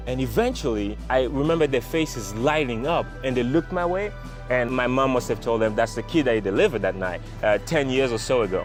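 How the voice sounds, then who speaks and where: Earnest motivational man over music. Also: medium pitch. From Congo. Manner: earnest, emphatic, repeats phrases for effect. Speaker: motivational vlogger. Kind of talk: motivational monologue to camera. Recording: music playing underneath.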